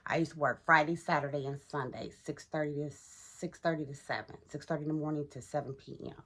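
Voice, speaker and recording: Chatty woman with a low voice. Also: fairly even intonation, fairly quick, a bit bright. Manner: chatty, addresses viewers as y'all. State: groggy morning voice. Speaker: vlogger. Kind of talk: casual get-ready-with-me vlog.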